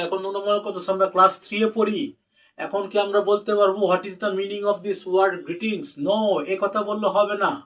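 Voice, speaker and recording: A man's voice: high voice, fairly bright tone, far from the mic, poor audio. A male English teacher giving a spelling and pronunciation lesson, spelling out letters one by one and talking directly to his students.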